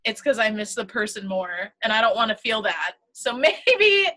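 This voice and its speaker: A woman co-hosting a relaxed chat show, laughing often and cursing easily as she acts out her own stories. Her voice sits a little high and rings bright and sharp. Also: normal speed. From United States. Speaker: talk show co-host. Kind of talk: casual chat.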